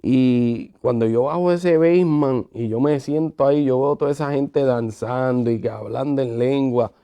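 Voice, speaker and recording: Mellow-voiced man telling his testimony. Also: mid-range voice, moderate pace, clean tone. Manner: animated storyteller acting out quotes. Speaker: guest sharing his testimony. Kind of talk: conversational testimony.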